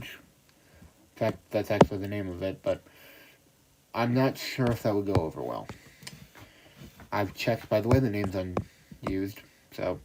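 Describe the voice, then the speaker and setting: A young man chatting casually to himself on a livestream, rambling and self-deprecating. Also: fairly low pitch. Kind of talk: casual solo stream chatter. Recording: loud background noise.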